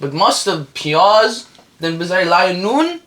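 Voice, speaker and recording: A man's voice: high voice, slight background noise. A young man co-hosting a casual mukbang food vlog, speaking Persian with an English accent and firing back dry jabs while mixing in English. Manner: deadpan jabs, switching between Persian and English.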